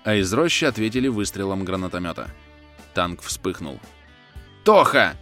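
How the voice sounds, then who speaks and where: A man narrating a first-person war novel as an audiobook reader, in a steady, even manner. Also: sits low, normal speed, soft background music.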